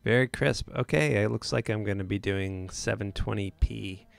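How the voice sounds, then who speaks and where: A man's voice: on the low side, moderate pace, vocal fry, dry recording. A man hosting a live photo editing tutorial, talking casually with many fillers and restarts.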